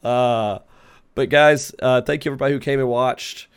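Male podcast host, stuffy nose from a cold, relaxed casual chat, mid pitch. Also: normal speed, smooth. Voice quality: congested, stuffy nose from being sick. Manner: laid-back, sweary, laughs often. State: sick with a cold. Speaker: host of a gaming talk show. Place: remote online group call, streamed.

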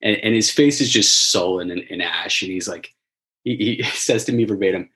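A man's voice: on the low side, normal speed, sharp tone, poor audio. A man co-hosting a casual chat, telling stories from his sales job with frequent restarts and laughter.

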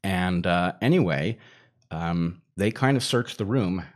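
A man with a very deep, low voice tells a long personal story in an easygoing, conversational way. He meanders, restarts and pads his sentences with fillers before getting back on track. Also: animated, unhurried. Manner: rambling, self-interrupting with fillers. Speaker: storyteller guest. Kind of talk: casual anecdote.

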